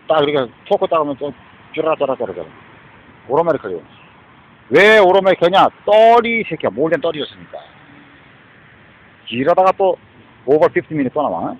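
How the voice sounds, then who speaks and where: Husky, swinging-voiced Korean man ranting. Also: on the high side. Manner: cursing, mixing Korean and English, constant "eh?" tags. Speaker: street preacher-style ranter. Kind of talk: angry rambling rant. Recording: dull lo-fi recording.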